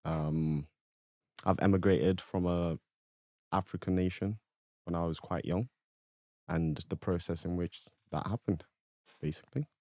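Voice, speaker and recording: Young male podcast guest from Ethiopia, very low voice, relaxed storyteller, dry close-miked sound. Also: measured pace, long pauses, no room sound. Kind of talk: casual chat.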